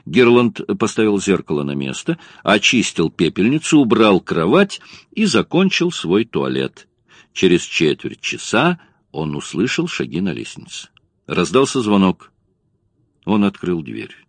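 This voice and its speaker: Deep-voiced male audiobook narrator. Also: wildly swooping pitch, a little slow, breathy edge, dry recording. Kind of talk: scripted narration.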